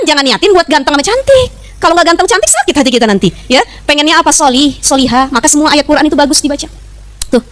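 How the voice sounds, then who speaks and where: A middle-aged woman preacher gives a lively religious talk to a women's group, acting out quoted voices in a chatty, animated way. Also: high-pitched. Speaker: female Islamic preacher.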